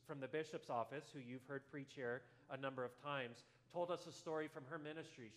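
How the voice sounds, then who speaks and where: Guy pastor giving a sermon, earnest storytelling, voice a bit on the high side. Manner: earnest storytelling, drops softer for quoted lines.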